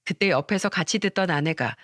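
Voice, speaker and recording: A narrator reading a scripted story in a steady, plain manner. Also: mid-range voice, a little fast, no room sound, clean studio sound.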